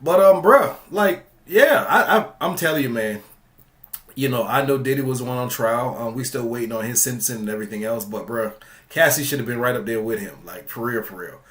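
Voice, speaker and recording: A man talks casually on his commentary channel in a loose, rambling way, full of fillers and restarts. He speaks at a middle pitch. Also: fairly quick, a bit bright.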